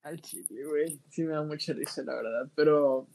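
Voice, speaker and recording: Animated young Mexican man, slangy. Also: fairly high pitch, moderate pace, creaky. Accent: Mexican Spanish. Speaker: podcast co-host. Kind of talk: casual podcast chat.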